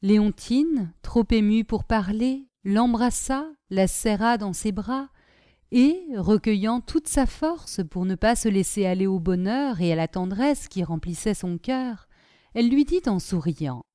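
A woman narrating an audiobook in an expressive storytelling manner. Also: mid-range voice, a little slow, clean tone, no room sound, studio quality.

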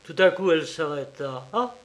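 Slow, measured male audiobook narrator. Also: on the high side, fairly even intonation. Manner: measured, with occasional hesitations. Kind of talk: audiobook reading.

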